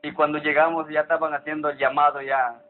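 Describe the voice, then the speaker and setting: A man giving an earnest, halting personal testimony. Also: fairly high pitch, level tone. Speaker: church member giving testimony. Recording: tinny phone-like sound with music behind.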